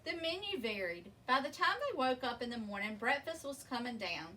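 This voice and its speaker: A woman with a bright, very animated voice reads a children's story aloud. She speaks expressively and deliberately, stretching key words. She sounds a little distant from the microphone. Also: fairly high pitch. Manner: expressive, deliberate, drawn-out emphasis. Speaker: storybook reader. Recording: distant mic with faint background noise.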